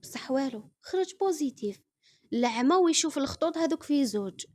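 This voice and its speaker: Fast-talking Algerian storyteller woman. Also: sits high, animated, a little mellow. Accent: Algerian Arabic. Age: young adult. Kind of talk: first-person story narration.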